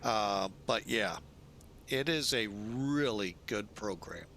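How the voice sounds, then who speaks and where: A man's voice: animated, slow, pushed and bright. A man giving casual commentary as a flight simulator streamer. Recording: faint low cockpit rumble behind voice.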